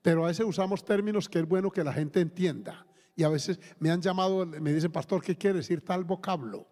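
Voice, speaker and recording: A man's voice: sits high, fairly quick, a little mellow, in a large hall. A man with a Colombian accent, a pastor preaching a sermon and stopping often for praise and questions to the congregation. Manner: preaching with call-and-response interjections.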